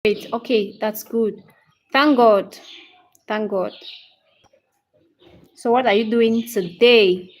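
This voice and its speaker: Speaking slowly and pausing often, this Cameroonian-accented English teacher in her thirties runs a relaxed livestream, welcoming viewers by name and working through their comments individually. Her pitch sits on the high side, her intonation fairly even. Phrases get repeated, and she keeps asking "okay?" to check in.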